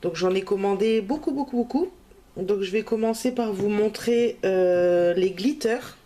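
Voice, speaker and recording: Woman, crafting vlogger, casual haul chat, hesitant with fillers, slow pace, warm mellow tone. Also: mid-range voice. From France.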